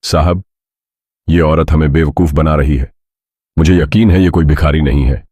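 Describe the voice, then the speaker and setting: A man voicing a drunk, cruel male henchman with sneering menace in a deep, dry voice. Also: fairly even intonation, moderate pace, dark tone, husky, no room sound.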